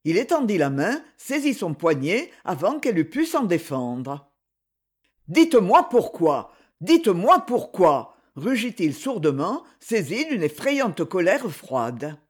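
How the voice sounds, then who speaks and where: A narrator reading a classic romance novel in an expressive, animated way. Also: mid-range voice, unhurried, few pauses, husky. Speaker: audiobook narrator.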